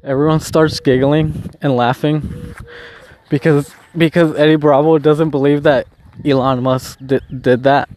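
A man talking casually to himself on a walk, high on weed, with a laid-back, repetitive stoner drawl. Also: flat delivery, measured pace, a little mellow. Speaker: vlogger recording an audio diary. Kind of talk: rambling casual solo chat. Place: outdoors, walking along.

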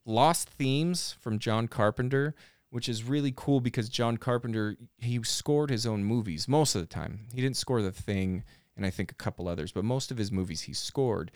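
A man hosting a podcast, talking in a loose, rambling way full of fillers and false starts. His voice is smooth and resonant. The sound is close and dry, with no room around it. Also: medium pitch, moderate pace, no room sound. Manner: relaxed, rambling, with frequent fillers and restarts. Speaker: podcast host. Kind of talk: casual chat. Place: podcast studio.

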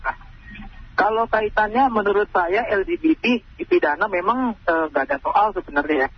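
A man phoning in to a radio talk show, speaking haltingly while his call breaks up and cuts in and out. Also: sits high, slightly rough. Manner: hesitant, halting phrasing. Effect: phone call breaking up, cutting in and out. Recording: dull lo-fi phone line.

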